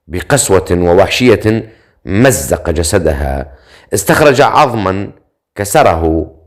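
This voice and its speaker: Deep-voiced male audiobook narrator. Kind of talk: reading a dark fantasy novel aloud.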